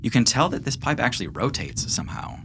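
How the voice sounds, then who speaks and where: A man narrating as game master of a tabletop game, relaxed and chatty with plenty of fillers. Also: medium pitch, fast, noisy background.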